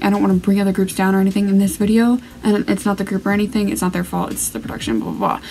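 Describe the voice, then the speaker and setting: A young woman talks excitedly to her viewers in a music reaction vlog, her voice in a middle register. She gushes and rambles breathlessly and leans on fillers. A faint hum sits behind her. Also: mid-range voice, poor audio. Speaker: reaction video host.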